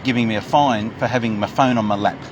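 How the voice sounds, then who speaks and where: Brief: Australian man pulled over, quick and argumentative, street traffic noise. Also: fairly low pitch, fairly even intonation, lo-fi sound. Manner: rambling, argumentative, repeats mate. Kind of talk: roadside argument with police. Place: roadside in a vehicle.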